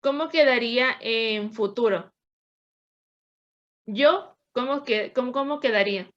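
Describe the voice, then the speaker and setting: A woman's voice: on the high side, measured pace, dull audio. A woman teacher, patiently drilling verb conjugations with her class. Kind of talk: classroom lesson.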